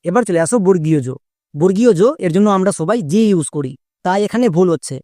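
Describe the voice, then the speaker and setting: Male tutor with a high voice, patient step-by-step delivery, spells words out letter by letter. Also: animated, quick pace, warm tone. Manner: patient, repeats each letter and asks rhetorical questions. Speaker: English spelling teacher. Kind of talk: explanatory lesson, step by step.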